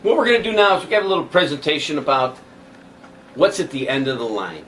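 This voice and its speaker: A man hosting a fishing show talks in a relaxed, chatty way. He explains things step by step as he holds up lures. His fairly high voice is recorded from a distance, with faint noise behind it. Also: quick pace. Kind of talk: casual chat.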